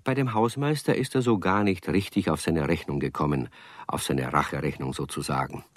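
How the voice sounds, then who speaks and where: A man's voice: extremely low pitch, brisk, no echo. A man narrating a radio play for children in a playful storytelling manner.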